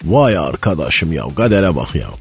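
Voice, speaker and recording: A man's voice: sits low, big pitch swings, moderate pace, soft background music. A man from Malatya co-hosting a comic radio show, folksy and playing the straight man. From Malatya, Turkey. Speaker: radio comedy host.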